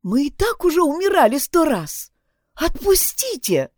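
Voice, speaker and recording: A woman's voice: sits high, sing-song, a little slow, a little mellow, no echo, clean studio sound, pitched above the performer's own voice. A woman voicing a frightened, confused young heroine in a hospital bed, speaking in a pleading, agitated way. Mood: desperate.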